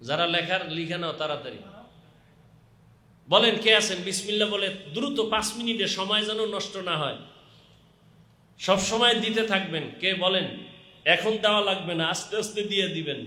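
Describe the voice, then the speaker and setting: Man, Bangladeshi accent, very bright forceful voice, religious fundraising appeal, urging and repetitive, echoing loudspeaker sound. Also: high-pitched, brisk. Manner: urging, repetitive calls to the crowd. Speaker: preacher leading a donation appeal. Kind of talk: live religious fundraising appeal, calling out donations with short blessings. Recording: echoing public-address sound.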